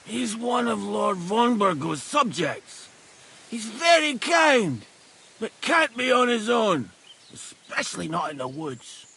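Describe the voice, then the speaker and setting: A man's voice: high-pitched, sing-song, slow pace, bright, forceful tone, full character voice. An actor playing an injured, blunt woodsman who is short of breath and barks orders in a video game. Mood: gruff. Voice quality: gravelly, raspy.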